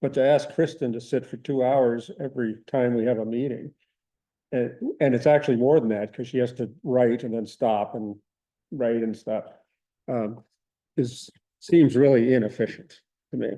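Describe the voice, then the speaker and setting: A man's voice: mid-range voice, steady tone, moderate pace, dark tone, poor audio. A man chairing a small-town board meeting, leading the discussion in a casual, agreeable way.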